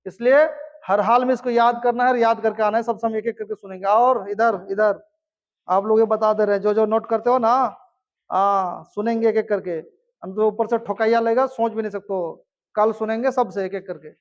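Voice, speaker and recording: A man's voice: high voice, steady tone, normal speed. A young man teaching an English grammar class, drilling students with stern mock threats. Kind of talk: classroom lesson, call-and-response drilling. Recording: dull lo-fi recording.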